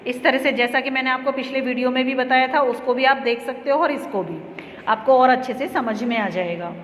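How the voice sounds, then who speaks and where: A woman teacher giving a slow, step-by-step grammar lesson to children. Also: high-pitched, fairly bright tone. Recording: echoey room with long reverb and faint noise.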